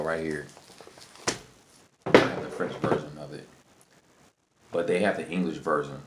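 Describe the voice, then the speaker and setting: A man hosting a language-learning video, giving casual unscripted advice in a rambling way, often repeating and rephrasing himself. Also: very deep voice. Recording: roomy echo, faint background noise.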